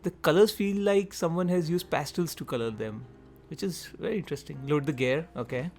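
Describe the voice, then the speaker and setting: A man hosting a gaming video, giving quick, chatty gameplay commentary and thinking aloud as he goes through the settings. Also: on the high side, darkish tone. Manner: quick talker.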